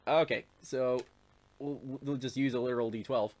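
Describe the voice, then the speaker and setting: A man's voice: mid-range voice, steady tone, normal speed, darkish tone. A man narrating as game master of a tabletop game, rambling with fillers and frequent chuckles.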